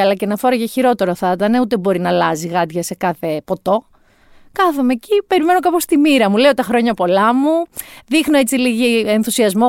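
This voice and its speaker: Forties woman, comic monologue, self-mocking, smooth and a touch high. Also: a little mellow, no room sound, studio quality. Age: 40s. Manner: wry, self-mocking storytelling. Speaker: storyteller.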